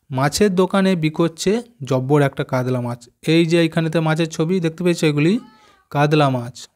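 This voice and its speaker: A man's voice: on the high side, darkish tone. A man teaching young children from a schoolbook, spelling words out letter by letter and asking them questions as he goes. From West Bengal, India. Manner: slow, careful spelling out of letters, asks pupils questions. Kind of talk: explaining a primary school textbook.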